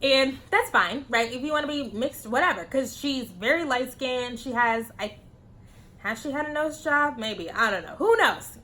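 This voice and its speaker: A woman's voice: high-pitched, animated, moderate pace, bright, forceful tone. A woman giving her blunt, profane opinions in a casual vlog, often breaking into laughter. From United States. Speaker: vlogger.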